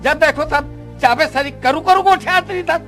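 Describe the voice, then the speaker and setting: A man's voice: very high-pitched, normal speed. A man with a Chhattisgarhi accent acting a grumbling, argumentative husband in a comedy sketch. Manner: grumbling, argumentative, sometimes shouting. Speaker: comic actor playing a quarrelling husband. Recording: loud background music.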